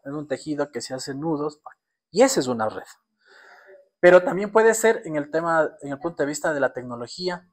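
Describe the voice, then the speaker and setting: Ecuadorian lecturer, slightly high male voice. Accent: Quito Ecuadorian Spanish. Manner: conversational, constantly checks in with students through rhetorical tag questions. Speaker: university lecturer. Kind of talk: classroom lecture.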